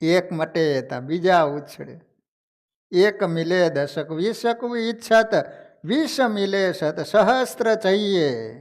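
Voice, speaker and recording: A man from gives a devotional discourse, speaking straight to his listeners. His voice sits a little high for a man and lifts and drops as he tells his stories. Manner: lively storytelling, voice rising and falling with the tale. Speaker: religious storyteller.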